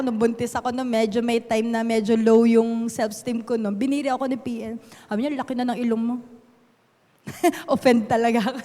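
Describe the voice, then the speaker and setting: Filipino lady giving a chatty sermon, high voice, lots of "di ba", echoey hall. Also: darkish tone. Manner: conversational, asks "di ba?" often, laughs lightly. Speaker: preacher. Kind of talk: Taglish church sermon.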